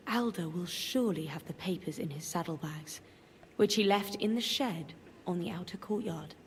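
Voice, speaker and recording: A woman voicing a composed, commanding noble lady in a game, with a measured, cool manner. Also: lowish voice, natural voice. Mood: scheming. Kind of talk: game dialogue acting. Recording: echoey hall, faint background noise.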